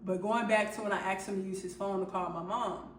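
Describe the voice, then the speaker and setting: A woman vlogger telling a personal story in a halting way, with many fillers and restarts. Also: medium pitch, steady tone, slight background noise. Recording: roomy sound from a distant mic.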